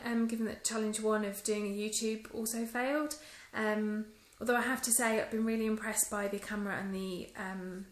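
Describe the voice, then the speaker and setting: A woman's voice: medium pitch, echoey room, low-quality recording. Chatty woman vlogging into a handheld phone. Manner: chatty, many ums, mildly disappointed. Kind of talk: casual vlog review. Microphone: phone held at arm's length.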